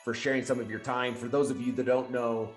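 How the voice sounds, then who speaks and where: A man's voice: mid-range voice, level tone, fairly quick, faint music behind. A man hosting a podcast, upbeat and enthusiastic, chatting casually with his guest. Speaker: podcast host. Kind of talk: casual interview chat.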